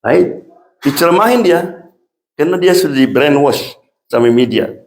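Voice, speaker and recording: Storytelling imam in an echoey mosque. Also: male voice, a little high, moderate pace. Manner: mixes Indonesian with English phrases; animated storytelling with acted-out quotes. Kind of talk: storytelling sermon. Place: mosque hall.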